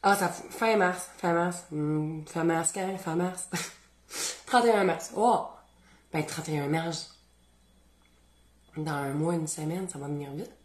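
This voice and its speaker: A woman's voice: deep voice, slow, pauses often, reverberant. A woman with a Beauce Quebec French accent, hosting a casual cooking demonstration in her home kitchen and chatting to viewers as she tastes. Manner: chatty, animated, talks to viewers while tasting. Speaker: cooking show host.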